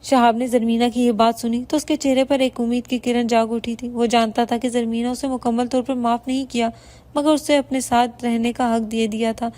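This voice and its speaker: A woman narrating a bedtime story in a steady, even reading. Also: fairly high pitch.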